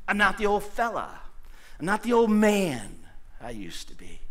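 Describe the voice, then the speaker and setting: A middle-aged pastor preaches a sermon into a handheld mic from a church pulpit, his voice on the high side. He is animated, calling out to the congregation with sudden loud bursts in the church sanctuary.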